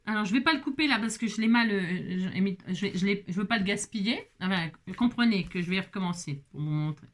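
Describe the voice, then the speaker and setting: Talking quickly with barely a pause, a crafting vlogger with a mid-range voice chats casually through a tutorial. She exclaims often and drops little interjections as she works.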